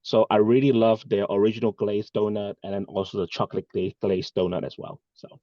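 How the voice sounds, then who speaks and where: Guy in his 40s, low mellow voice, earnest and a bit rambly, dull dry call audio. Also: flat delivery, a little fast, no room sound. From Hong Kong. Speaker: guest, bank executive. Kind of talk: casual interview talk.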